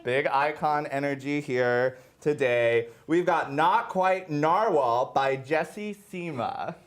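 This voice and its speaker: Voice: mid-range voice, takes it slowly. A campy, playful, theatrical drag queen hosting a story hour, bantering and reading to an audience of children. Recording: crowd noise of a live audience.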